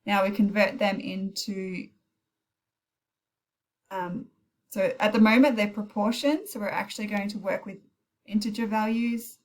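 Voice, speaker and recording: A woman's voice: mid-range voice, steady tone, a little slow, long pauses. Woman teacher talking through a maths tutorial. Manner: thinks aloud with self-corrections and brief apologies. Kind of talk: informal recorded maths tutorial, talking through calculator steps. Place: recorded while heavy rain pours outside.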